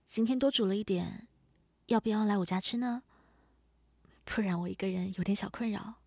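A gentle older-sister neighbor played by a woman in an intimate audio role-play. She is caring and softly teasing, with a medium pitch and coaxing delivery, recorded very dry. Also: moderate pace, gravelly, husky, no room sound. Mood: tender, inviting. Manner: soft, tender, coaxing.

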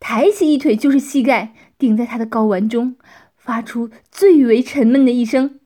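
A woman narrating a story, often dropping into soft, half-whispered passages. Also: a little high, normal speed.

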